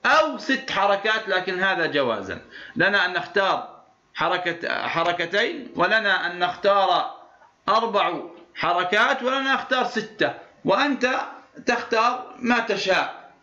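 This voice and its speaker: A man with a high, sharp, bright voice teaches recitation rules. He keeps asking his listeners prompting questions and then answering them, stretching vowels aloud to show each length. The lo-fi recording sounds dull and echoey. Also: lively intonation. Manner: demonstrates short and long drawn-out vowels aloud. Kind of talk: explaining a recitation rule poem line by line.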